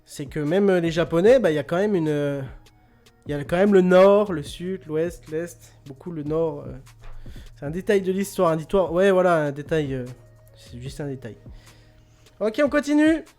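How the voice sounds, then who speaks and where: Male host, high-pitched, loose and joking, over soft background music. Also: moderate pace. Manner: joking, laughs often, repeats words. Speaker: host of an online quiz radio show. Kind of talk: casual quiz hosting, chatting with listeners.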